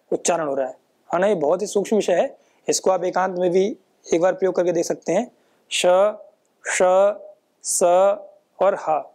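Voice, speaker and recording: A woman giving a Sanskrit phonetics lesson, who poses questions and answers them herself and demonstrates each sound slowly and carefully. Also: medium pitch, a little mellow. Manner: frequent checking tags like "है ना?". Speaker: Sanskrit teacher. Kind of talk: explanatory phonetics lecture.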